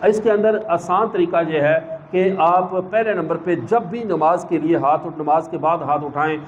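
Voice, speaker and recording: Male religious speaker, high-pitched, animated storyteller; slightly dull recording with a faint hiss. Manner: animated storyteller who acts out the people in his anecdotes.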